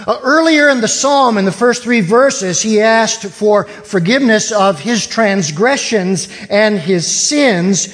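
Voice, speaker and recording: A man preaching a sermon, explaining scripture in a deliberate, teacherly way. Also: high voice, animated, a bit bright. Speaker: pastor. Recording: long reverb of a hall.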